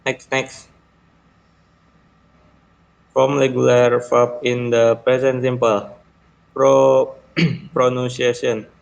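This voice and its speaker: A young man from Indonesia, a student giving a halting class presentation on English grammar, repeating words and clearing his throat. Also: mid-range voice, level tone. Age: young adult. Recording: dull lo-fi recording.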